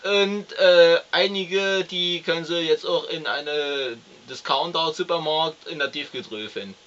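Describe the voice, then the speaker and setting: A man's voice: a little high, a little slow, a bit bright, lo-fi sound, voice pushed up. A man playing a callous, lazy young unemployed father in a comedy sketch, complaining and stammering.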